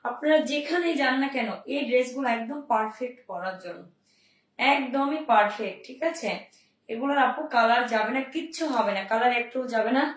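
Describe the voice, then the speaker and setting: A young woman from Bangladesh, hoarse today, selling clothes on a live stream with upbeat, repetitive calls to her viewers. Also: a little high. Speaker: online clothing seller. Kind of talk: live-stream sales pitch. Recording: roomy, mic at a distance.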